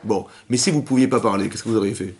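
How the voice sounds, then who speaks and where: An animated man with a fairly low voice talks fast while teaching a lively Torah class in a synagogue hall. He questions his young women students and acts out cries and quotes.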